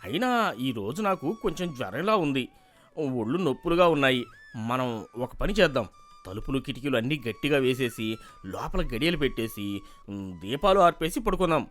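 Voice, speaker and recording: An actor playing a cowardly, boastful middle-aged village man in an animated story, who blusters and then whimpers. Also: mid-range voice, normal speed, pauses often. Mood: sheepish excuses.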